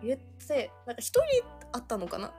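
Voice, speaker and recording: A woman's voice: on the high side, huge pitch swings, fairly quick, a little mellow, faint music behind. A young woman in her twenties, a podcast guest telling a rambling, giggly story full of fillers. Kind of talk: casual chat.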